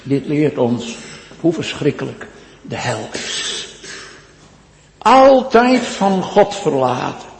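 A male pastor preaching a sermon, slow and solemn, his voice swelling loud and then dropping to a hush. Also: fairly high pitch, sing-song, a little hiss or hum. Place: church. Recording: echoey church with long reverb.

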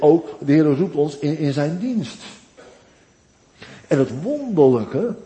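A man preaching a sermon to his congregation, earnest and deliberate. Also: on the high side, mellow. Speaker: pastor. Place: church. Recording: long church reverb.

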